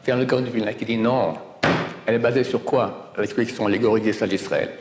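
A man teaching Torah as a sermon, emphatic, with loud exclamations and hushed asides. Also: fairly low pitch, fairly even intonation, fast, reverberant, in a large hall, noisy background.

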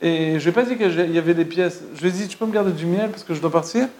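A man with a high, gravelly voice tells old stories in a loose, spoken way. He stumbles and repeats words, restarts his sentences and turns to ask his listeners if they follow. The telling is casual and unscripted. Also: quick pace, a little mellow. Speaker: storyteller. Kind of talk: casual oral retelling of religious tales.

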